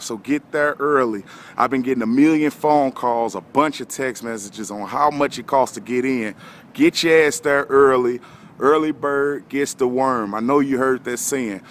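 A man in his thirties talking in hyped-up street slang like a hype ad, promoting a club night as an informal hype man. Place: outdoors beside a brick wall at a parking lot. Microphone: phone at arm's length. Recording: noisy outdoor phone recording, traffic rumble.

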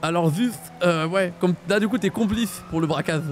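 A man roleplaying a small-time crook in a video game, excitable and teasing, barking orders. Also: sits high, normal speed, slight background noise. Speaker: streamer playing a small-time criminal.

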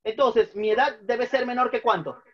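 A man in his thirties, very high-pitched, speaks at normal speed with fairly even intonation, the sound lo-fi. In a small room he teaches math online at a whiteboard, patiently going through each step again and questioning his students.

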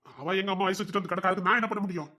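A man's voice: sits high, very fast, pushed and bright. A man playing a young husband who pleads with his wife and defends himself. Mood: pleading. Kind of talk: audio drama acting.

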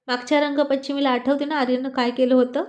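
A woman's voice: sits high, level tone, fast, darkish tone, natural voice. A woman voicing a bubbly, teasing wife. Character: cheerful, teasing young wife.

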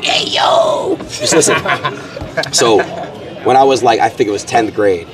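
A man in his twenties chatting casually in excitable, slangy frat-bro talk. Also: lowish voice. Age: 20s. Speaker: streamer hosting guests. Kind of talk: casual chat. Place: busy open restaurant. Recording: distant mic with music behind.

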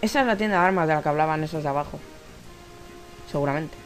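A man's voice: a little high, fast talker, a bit bright, soft background music, low-quality recording. A man with a Spanish accent from Spain giving casual gameplay commentary, rambling, talking to himself and swearing now and then. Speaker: let's play gamer.

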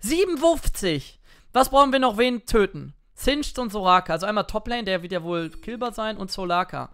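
A man commentating his own gameplay in a playful, excitable way, now and then jumping into shouts. He talks into a headset or desk mic at a home gaming setup. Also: sits high, normal speed. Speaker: gaming streamer. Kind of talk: let's play commentary.

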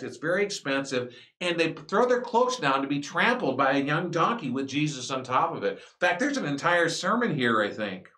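A man preaching a sermon as pastor, animated and building to emphatic declarations. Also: a little high. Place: church. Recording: echoey church hall.

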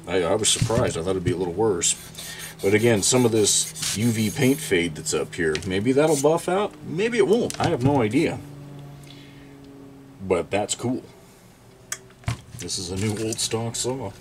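A middle-aged man who runs a chainsaw repair channel casually talks through an old tool at his workbench in an indoor workshop, thinking aloud and bursting out in surprise in this show-and-tell. His lowish voice is very animated, yet his pace is measured with long pauses. Background noise is present.

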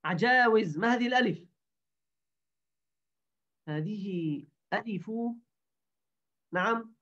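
A woman teaching a grammar lesson, repeating words slowly and quizzing her students. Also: medium pitch, lively intonation, fairly bright tone. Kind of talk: grammar lesson to an online class. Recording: dull lo-fi recording.

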